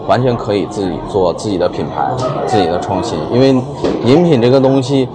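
A man's voice: on the low side, animated, brisk, loud music behind the voice. A man from China giving casual interview answers as a small business owner, thinking aloud. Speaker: milk tea shop owner being interviewed. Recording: busy crowd chatter behind.

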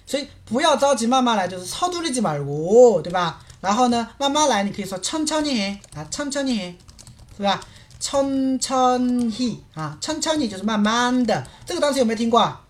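Brief: woman language teacher on a livestream, quick and animated, keyboard typing nearby. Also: on the high side. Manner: lively, asks many rhetorical checks.

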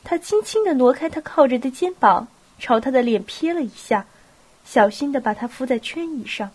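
A woman with a cold narrating a novel in a steady storytelling voice. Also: high-pitched, normal speed, breathy edge. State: has a cold. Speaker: audiobook narrator. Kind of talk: novel reading.

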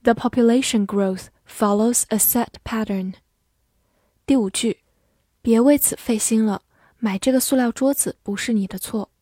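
A woman teaching English vocabulary, saying each word twice and then giving its part of speech and meanings in a measured, lesson-style delivery. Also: on the high side, warm tone, no echo, studio quality. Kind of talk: slow vocabulary review lesson.

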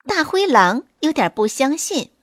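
A woman storyteller reading a children's story aloud with clear, expressive delivery. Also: sits high, measured pace, dry recording, studio quality.

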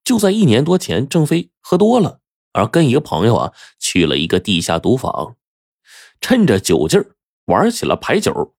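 A man telling a folk tale in a lively, dramatic, folksy manner. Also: medium pitch, moderate pace, gravelly, breathy edge, dry recording, studio quality. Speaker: storyteller. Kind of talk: spoken storytelling.

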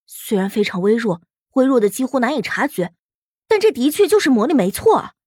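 A woman voicing a calm, sharp-witted young woman fighter who muses in a cool, measured way. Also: on the high side, breathy edge, dry recording, studio quality. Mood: musing. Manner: cool, measured inner musing. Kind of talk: audiobook character reading.

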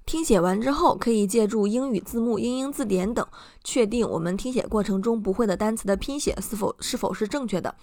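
A woman hosts a book-review podcast and lays out a study method one step at a time. Her voice carries a touch of vocal fry. The recording is dry and close, with no room sound. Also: mid-range voice, brisk, mellow, dry recording. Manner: explanatory, step-by-step, patient. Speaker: podcast host.

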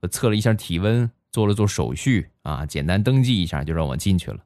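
A man's voice: deep voice, lively intonation, quick pace, a little mellow, no echo, studio quality. A man, telling comic stories on a podcast in a chatty, playful way. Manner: chatty and playful, heavy erhua. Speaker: comedy podcast host. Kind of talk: comic storytelling.

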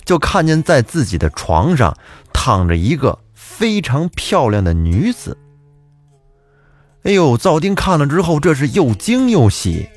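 A man tells an old ghost tale in a chatty, colloquial way. His pitch swings widely as he narrates, and soft guitar music plays beneath. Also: slightly rough, dry recording. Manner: chatty, vivid, with Beijing-style erhua. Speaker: storyteller. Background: faint guitar music.

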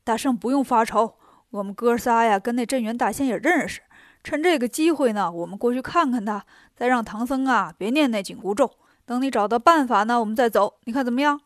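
A woman voicing an easygoing old male longevity god who talks in a calm, reassuring way. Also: on the high side, brisk, no echo, clean studio sound, lightly acted.

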